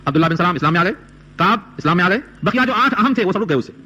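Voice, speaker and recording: A man's voice: high voice, expressive, sharp tone. A man giving a Quran commentary lecture, reciting Arabic verses and explaining them in Urdu with rhetorical questions. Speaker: Quran teacher.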